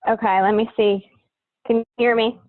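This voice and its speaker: A woman's voice: fairly high pitch, level tone, moderate pace, narrow, tinny audio. A woman presenting on a video call with casual um fillers, her audio crackling and cutting in and out. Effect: audio cutting in and out, crackly connection. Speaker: webinar presenter. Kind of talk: online webinar presentation.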